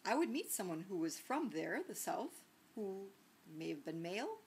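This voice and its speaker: A woman's voice: medium pitch, very animated, normal speed, slight background noise. A woman from the northern United States teaching a sociolinguistics lesson in a conversational lecture style, with many fillers and tag questions. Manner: conversational, frequent "right?" and "um" fillers.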